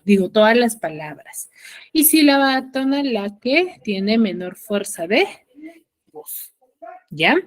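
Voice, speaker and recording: A woman teacher with a Peruvian Spanish accent leads an online class in a mid-pitched, everyday voice. She talks patiently, stressing and repeating the key terms. She keeps pausing to check that her students follow.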